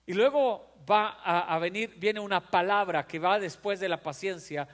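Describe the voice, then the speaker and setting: Speaking at a moderate pace, a man with a high-sitting, fairly bright voice delivers a pastor's sermon. He's fervent and repetitive, leaning on repeated phrases and playing out voices in his stories, and the recording carries a long hall reverb.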